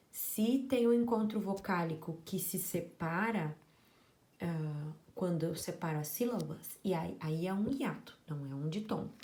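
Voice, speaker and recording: A woman teacher giving a slow, explanatory grammar lesson and stressing each example word. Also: fairly low pitch, mellow.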